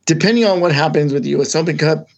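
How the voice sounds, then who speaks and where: A man's voice: fairly high pitch, rapid-fire, gravelly, muffled recording, slight background noise. A man co-hosting a podcast, talking casually and rambling, with many restarts and fillers. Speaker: podcast co-host. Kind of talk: casual chat.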